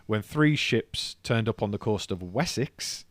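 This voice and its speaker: North east english bloke rambling through some history on a podcast, lowish voice, dead dry sound. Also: male voice, animated, a little slow, no room sound. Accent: North East England. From North East England. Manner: rambling storyteller, swears casually, jokes in silly voices. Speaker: comedian podcast co-host. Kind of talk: casual podcast chat.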